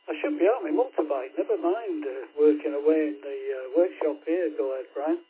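A man's voice: fairly high pitch, a little fast, breathy edge. A man with a Manchester accent, chatting casually over amateur radio from his workshop. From Manchester, England. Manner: relaxed, chatty, hands over with "go ahead". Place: home workshop. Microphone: radio transceiver. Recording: tinny radio transmission.

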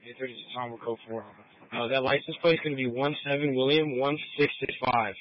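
A man's voice: mid-range voice, steady tone, brisk, dry recording. A male police officer calls in over a two-way radio, his words clipped and matter-of-fact. His delivery stays level throughout. The sound is dull and dry, like a radio scanner feed. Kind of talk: radio call-in with codes and phonetic alphabet.

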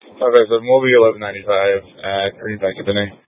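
A man's voice: fairly low pitch, steady tone, quick pace. A man talking on a police radio as an officer, giving call codes in clipped, terse phrases. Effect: police radio transmission. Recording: narrow tinny radio, dry.

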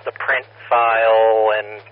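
A man's voice: fairly low pitch, level tone, slow pace. A man chatting over a mobile radio from his car, rambling with lots of fillers, heard through a tinny link. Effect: tinny radio from a moving car. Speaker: ham radio operator. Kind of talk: casual radio chat. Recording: tinny phone-like radio with noise.

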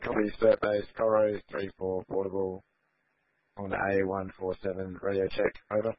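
Man, walkie-talkie radio, very deep, monotone, clipped radio protocol, dull lo-fi transmission. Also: normal speed, no echo. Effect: over a walkie-talkie radio. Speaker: field radio operator.

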